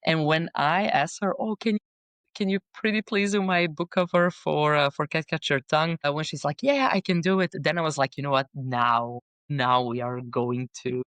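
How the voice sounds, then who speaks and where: Speaking with a deep but slightly bright voice at a moderate pace, a young female guest author talks loosely in an interview, full of fillers and false starts. With roots in Bosnia and Belgium, she speaks French, Dutch and Bosnian, and English is not her native language. The audio has no room sound.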